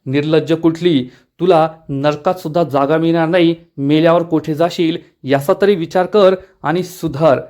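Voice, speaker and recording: A man's voice: fairly high pitch, fairly even intonation, moderate pace, few pauses, a little mellow, natural voice. A man voicing an angry older village strongman who scolds and accuses. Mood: angry scolding.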